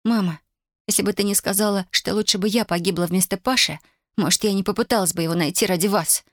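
A woman's voice: quick pace, no room sound, clean studio sound, natural voice. A woman reading an audiobook, voicing a desperate, defiant young woman who cries out at her family. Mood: shrill, accusing. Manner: emotional, rising to shrill cries. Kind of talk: audiobook character voice.

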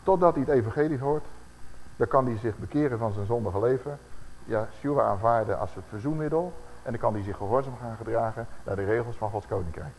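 A man preaching a sermon, acting out the voices he quotes and slowing down for scripture. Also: medium pitch, darkish tone, long reverb tail, slight background noise, rough recording.

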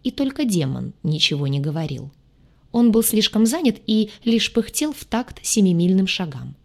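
A woman narrating a light fantasy audiobook, telling the story with wry irony. Her voice sits at an ordinary middle pitch and stays expressive. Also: normal speed, vocal fry.

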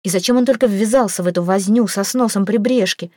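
A woman's voice: mid-range voice, fast, darkish tone, no room sound, clean studio sound, close to an everyday voice. A woman voicing a young woman who is frantic and tearful, pleading breathlessly between sobs, in a storybook reading. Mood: bitter.

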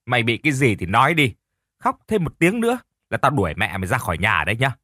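Man voicing a sharp-tongued scolding old aunt. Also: mid-range voice, huge pitch swings, fast talker, dry recording, studio quality, full character voice. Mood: cold. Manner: scolding, mocking, bossy.

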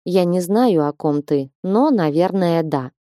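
A woman voicing a gentle, calm male dwarf husband in a fantasy audiobook, speaking softly and patiently. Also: fairly low pitch, measured pace, no echo, studio quality. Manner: soft, soothing, patient.

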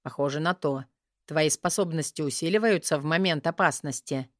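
A woman's voice: low voice, normal speed, no echo, clean studio sound, close to an everyday voice. A woman voicing a firm, curt male dragon who protects his companion, in an audiobook reading. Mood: explaining.

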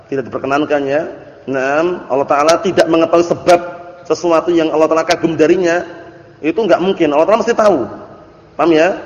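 A man, a religious teacher, giving a classroom lecture on Arabic grammar. He recites the Arabic slowly, explains it, and keeps checking that students follow. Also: on the high side. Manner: keeps checking understanding with quick questions. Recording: echoey hall, dull lo-fi audio.

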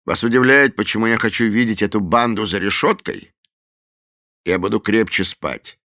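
A man's voice: on the low side, normal speed, bright, forceful tone, pitched above the performer's own voice. A man voicing a stern, wealthy male businessman who speaks firmly and asks pointed questions. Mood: stern probing.

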